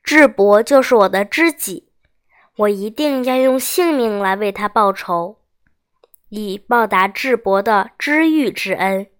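A woman's voice: mid-range voice, animated, measured pace, clean tone, lightly acted. A woman voicing a proud, grieving male retainer with a solemn, resolute manner in a storybook tale. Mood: solemn resolve.

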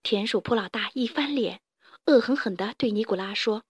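A woman storyteller reading a children's story with lively, expressive narration. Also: mid-range voice, moderate pace, slightly rough, no echo.

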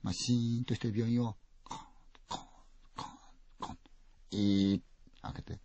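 A man telling a ghost story dramatically, full of vivid sound words and swinging from loud to hushed. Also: fairly low pitch, little pitch movement, moderate pace, no echo. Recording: dull, dry lo-fi recording.

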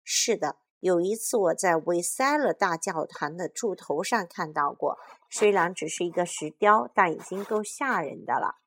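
A woman voicing a proud male knight of the Round Table in a storybook, speaking slowly and solemnly. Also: fairly low pitch, expressive, fairly bright tone. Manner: slow, solemn, boastful.

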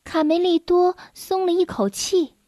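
A woman narrating a children's storybook in a clear, expressive way. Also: very high-pitched, a little slow, no room sound, studio quality.

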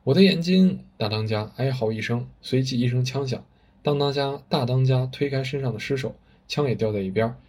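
A man's voice: mid-range voice, steady tone, a little fast, darkish tone. A man telling a story with vivid, dramatic narration. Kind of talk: spoken storytelling.

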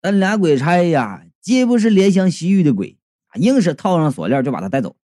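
A man narrating a comic ghost story in a lively, colloquial way, voicing the characters. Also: on the high side, brisk, dry recording, studio quality.

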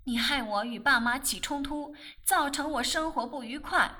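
A woman's voice: high voice, normal speed, pushed and bright, recorded from a distance. A woman voicing a cold, impatient sixteen-year-old girl in curt, indignant audiobook lines. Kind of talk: audiobook character voice.

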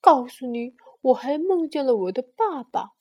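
A woman voicing an excited, emotional little bear cub in a bedtime story, calling out loudly and insistently. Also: sits high, takes it slowly. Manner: shouting, insistent.

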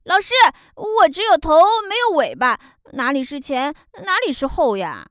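A woman voicing a puzzled little crab student with a high, childlike, questioning voice. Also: huge pitch swings, moderate pace, fairly bright tone, no echo, studio quality, exaggerated voice.

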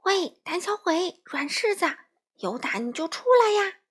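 A woman's voice: very high voice, lively intonation, a little slow, fairly bright tone, pitched above the performer's own voice, exaggerated voice. A woman voicing a cheeky, hot-tempered little male crow who squawks indignantly. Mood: angry squawking.

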